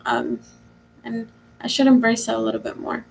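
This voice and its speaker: A bilingual woman talks casually in Spanglish, sliding from English into Spanish phrases. Her voice sits fairly high with a lot of fry and little melodic movement. She rambles earnestly, like someone confiding in followers. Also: little pitch movement, normal speed, darkish tone, a little hiss or hum. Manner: rambling, earnest, frequent small laughs and fillers. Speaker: vlogger and aspiring author. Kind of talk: casual, confessional monologue to followers.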